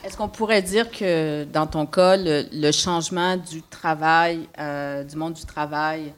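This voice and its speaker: A woman's voice: low-pitched, steady tone, slow, smooth. A woman moderating a panel, often repeating words as she searches for them.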